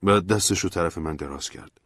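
A man's voice: low voice, a bit bright, no echo, clean studio sound. A man narrating a story in the first person, reading it aloud expressively. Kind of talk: audiobook narration.

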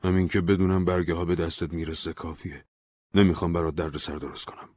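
A man's voice: deep voice, level tone, darkish tone, husky. A man voicing a paranoid young man who urgently and secretively begs a friend to keep his papers safe. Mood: urgent worried.

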